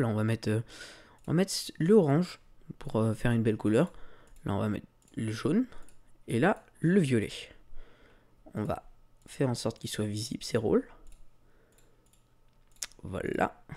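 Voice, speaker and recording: A man giving a casual, screen-recorded tutorial, talking through each click with lots of fillers. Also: mid-range voice. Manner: relaxed, talks through clicks with many fillers. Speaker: tutorial creator.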